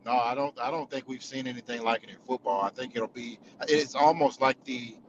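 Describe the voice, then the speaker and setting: A man's voice: mid-range voice, brisk. A man giving live recruiting commentary as a guest analyst, talking in a loose, conversational way. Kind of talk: live sports interview commentary. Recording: dull, noisy remote connection with vehicle ambience.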